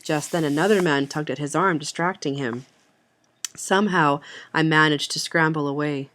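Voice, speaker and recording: A young woman, a student, reading a memoir excerpt aloud in an earnest, steady way with the odd slip. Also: low-pitched. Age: young adult. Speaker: student reader.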